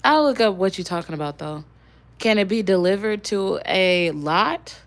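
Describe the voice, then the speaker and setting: A woman's voice: mid-range voice, expressive, normal speed. A young woman chatting casually on a livestream. She rambles and swears now and then as she talks with her viewers. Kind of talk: casual live-stream chat.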